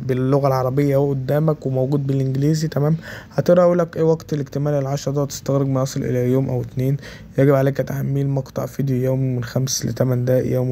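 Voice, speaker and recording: A man's voice: mid-range voice, creaky, mellow, slight background noise. A man with an Egyptian accent walking viewers through a website in a casual tutorial, saying "okay" between every step. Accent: Egyptian Arabic. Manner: keeps repeating "okay" between steps. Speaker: tutorial presenter. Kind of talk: casual screen walkthrough.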